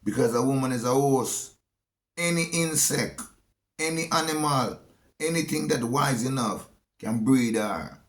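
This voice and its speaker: A man with a Jamaican accent speaks in a slow, deliberate way, as if preaching. He drives his points home by repeating phrases. His voice sits at an ordinary pitch and rings in a roomy, echoey space. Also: lively intonation. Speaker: speaker giving a monologue. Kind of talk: preachy spoken monologue.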